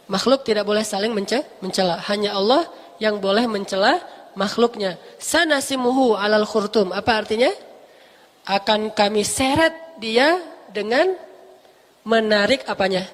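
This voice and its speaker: A Quran teacher giving a casual, lively study lesson, explaining Arabic terms with emphatic repetition and light jokes. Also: medium pitch. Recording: long reverb.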